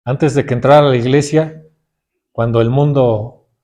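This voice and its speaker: A man's voice: medium pitch, fairly even intonation, normal speed, dark tone. A middle-aged man with a Mexican Spanish accent preaching a sermon, often calling his listeners brothers and putting questions to them.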